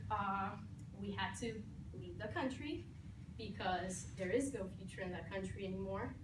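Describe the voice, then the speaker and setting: A young woman from Venezuela giving a personal speech, earnest and halting with frequent fillers. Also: mid-range voice. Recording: roomy, distant mic with noise.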